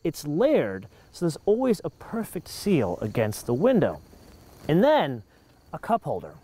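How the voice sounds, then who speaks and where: Man, forties, car reviewer, animated, emphatic, lapel mic, outdoor road noise. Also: sits high. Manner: lively, emphatic, talks with his hands. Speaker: car show host. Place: driving a car and standing outdoors by a marina.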